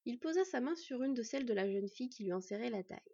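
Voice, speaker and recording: A woman's voice: on the high side, expressive, quick pace, gravelly, warm tone, breathy edge, no echo. Woman narrating a fantasy story. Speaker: audiobook narrator. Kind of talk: scripted narration. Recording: dry, slightly dull.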